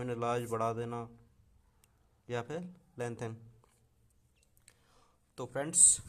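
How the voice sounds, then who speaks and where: A young man teaching an exam vocabulary lesson, reading words off a list, repeating them and correcting himself. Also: medium pitch.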